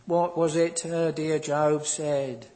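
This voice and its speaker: A man preaching a sermon in a slow, earnest manner, pausing often and filling the gaps with ums. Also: on the high side, little pitch movement, dark tone, big-room sound.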